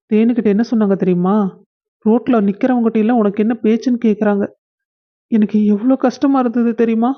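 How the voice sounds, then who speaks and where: A performer voicing a touchy husband who scolds and sulks, with a Kongu Tamil accent. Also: male voice, very high voice, phone-quality sound. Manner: scolding, sulky. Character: touchy grown husband and brother.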